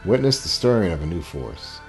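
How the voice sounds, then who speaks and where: A man's voice: sits low, sing-song, fairly quick, a little mellow. A man voicing a smug, grandiose mustache-twirling villain from a video game, theatrical and gloating. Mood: grandiose menace. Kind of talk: reading video game dialogue aloud. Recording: game music behind the voice.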